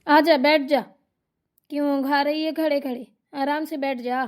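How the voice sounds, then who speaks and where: A shrill, nagging older mother-in-law from a cartoon comedy, voiced by a woman. She barks orders and insults in a high, pushy voice. Her scolding keeps on coming. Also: steady tone, moderate pace, lightly acted. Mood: grumbling.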